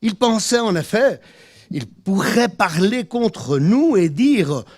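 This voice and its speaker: A man whose first language is Spanish delivers a sermon in a church, reading scripture and adding relaxed, apologetic asides. His voice sits a bit high for a man and moves a lot in pitch. He talks at an unhurried pace. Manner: informal, apologetic asides and restarts while preaching. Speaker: preacher.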